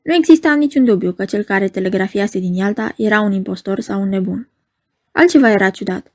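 A woman reads a novel aloud in a measured, even storytelling manner. Her voice sits at a medium pitch. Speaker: audiobook narrator. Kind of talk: novel reading.

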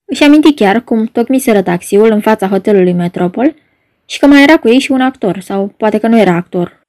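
A woman reads a novel aloud in a measured, wry storytelling manner. Her voice sits a little high for a woman. The delivery is steady literary narration. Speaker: audiobook narrator.

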